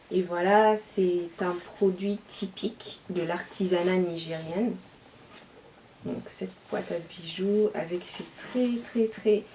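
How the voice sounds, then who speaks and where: Speaking in a warm, mid-range voice, a Nigerien woman with a light Nigerien French accent answers questions in a relaxed YouTube chat from home. She leans on frequent filler phrases, and the recording comes from a distant mic with faint hiss.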